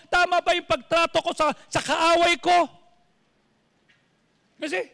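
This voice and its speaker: A man's voice: very high voice, sharp tone. A man with a Filipino accent preaching a sermon as pastor, mixing Tagalog and English and asking teasing rhetorical questions.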